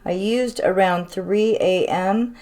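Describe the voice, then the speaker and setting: A woman hosting a spirit box session in a casual, halting and deliberate way, explaining things and putting questions to spirits. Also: medium pitch, a little mellow. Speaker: spirit box session host, self-described medium. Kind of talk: casual narrated demonstration and addressing spirits.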